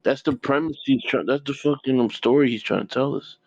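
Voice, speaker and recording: A man's voice: mid-range voice, brisk, creaky, no room sound. A man chimes in as co-host with blunt, swearing remarks, groping for words mid-sentence. His voice sits in a middle range. The sound is dull and lo-fi. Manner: blunt, profane, fumbling for words. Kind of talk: casual chat.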